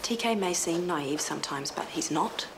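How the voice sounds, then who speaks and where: An actress playing a guarded, protective ex-wife in a TV soap, blunt and earnest. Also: female voice, lowish voice, animated, normal speed. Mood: cool warning. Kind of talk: television soap opera dialogue. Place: indoor clinic corridor and locker room. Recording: noisy ambient TV soundtrack.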